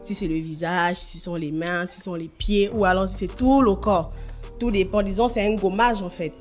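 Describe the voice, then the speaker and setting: A woman, a radio co-host explaining a beauty tip in a studio, halting with fillers and quick to laugh. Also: medium pitch, steady tone, soft background music.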